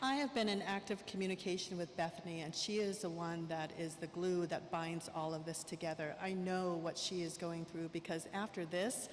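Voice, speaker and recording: A woman with a southern Lao accent, her first language Lao, gives a conference keynote in a fairly low voice. She talks in a warm, chatty, self-deprecating way into a handheld mic. Her voice carries a long echo through a big convention hall, over a faint murmur of room noise. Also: fairly even intonation, normal speed, few pauses. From Laos. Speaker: keynote speaker. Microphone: handheld microphone.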